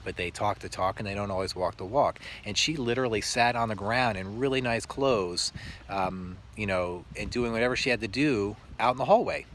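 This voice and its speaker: Low-voiced man telling reflective stories. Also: a bit bright, slight background noise. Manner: earnest, halting, with frequent pauses. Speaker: teacher. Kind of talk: reflective storytelling monologue.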